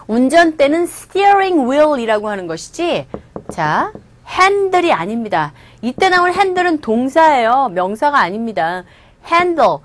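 A woman teaching English phrases in a lively lesson, drilling example sentences with playful emphasis. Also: fairly high pitch, dry recording.

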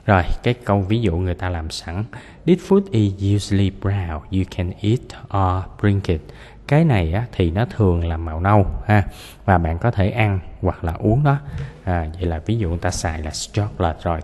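Male teacher, Vietnamese accent, lowish mellow voice, reverberant room, patient word-by-word explaining. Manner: reads English words then translates into Vietnamese. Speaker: English teacher. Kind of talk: explaining a reading test to students.

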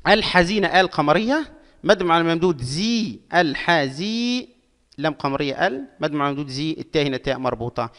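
A male primary school teacher giving a reading lesson, sounding out words syllable by syllable and stretching each one slowly for young pupils. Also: on the high side, fairly bright tone. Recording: long hall reverb.

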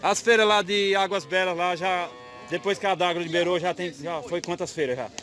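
A man's voice: sits high, fairly even intonation, normal speed, fairly bright tone. A man filming his casual walk through a cattle fair, chatting with sellers and repeating their prices for the camera. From Northeast Brazil. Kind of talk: casual on-the-spot video commentary. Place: outdoor cattle market with crowd. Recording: crowd noise outdoors.

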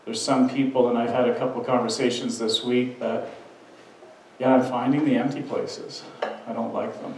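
A man's voice: medium pitch, fairly even intonation, normal speed, slight background noise. A man giving a sermon as pastor, talking earnestly and conversationally, often restarting his sentences. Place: church sanctuary. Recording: very echoey room, mic at a distance.

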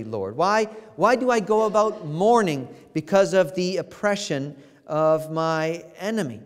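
A man's voice: sits high, in a large hall. A man, a pastor, preaching a sermon with earnest emphasis, his voice rising in the emphatic passages and sometimes restarting phrases. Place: church sanctuary.

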